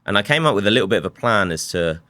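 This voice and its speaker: A man with a very low voice that still sounds bright and forceful. He speaks smoothly and clearly, recalling his path in a relaxed interview with plenty of restarts. The sound is dry and close. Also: very fast, no room sound. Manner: reflective storytelling with many restarts. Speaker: guest, software company co-founder. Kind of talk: casual conversational interview.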